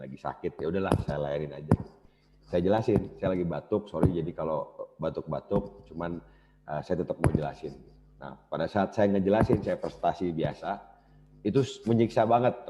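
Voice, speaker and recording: On a dull lo-fi cassette recording, a business speaker with a low, mellow voice delivers a motivational seminar. His manner is relaxed, and he addresses the audience head-on.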